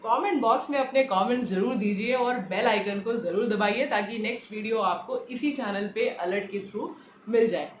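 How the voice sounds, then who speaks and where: Woman, French teacher, fairly high voice, patient explaining, keeps asking "right?", roomy echo, faint background hum. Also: normal speed. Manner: mixes English phrases into her speech. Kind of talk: online language lesson. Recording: echoey room with faint ambient noise.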